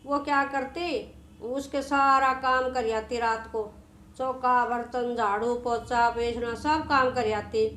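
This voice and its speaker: A woman's voice: fairly high pitch, steady tone, slow pace, fairly bright tone, a little hiss or hum. A woman narrating a devotional folk tale to her listeners in a homely, repetitive, conversational way. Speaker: storyteller. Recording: echoey room.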